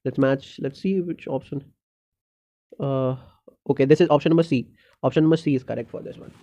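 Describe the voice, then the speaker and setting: A man tutoring through exam problems, thinking out loud step by step in a halting, unscripted way with pauses and self-corrections. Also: medium pitch. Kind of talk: unscripted problem-solving lesson. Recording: dull lo-fi microphone.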